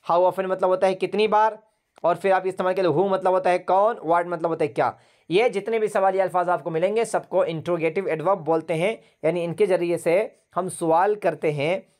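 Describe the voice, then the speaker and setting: A man's voice: high-pitched, darkish tone. A man teaching an online English grammar class over a video call, patiently repeating words and spelling them out letter by letter.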